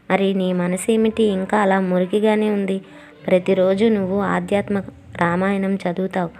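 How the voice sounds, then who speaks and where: A woman voicing a gentle but firm old male saint, speaking in slow, measured admonishments. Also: medium pitch, slight background noise, lightly acted.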